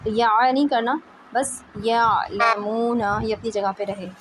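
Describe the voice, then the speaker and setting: A woman teaching tajweed one-on-one, patiently explaining letters and demonstrating each sound slowly. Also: on the high side, slight background noise, rough recording. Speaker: Quran recitation teacher.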